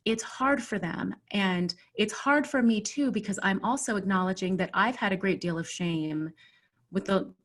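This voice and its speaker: A woman speaking as a webinar panelist in a thoughtful, measured way, pausing often with ums, over a video call. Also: medium pitch. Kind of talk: earnest discussion.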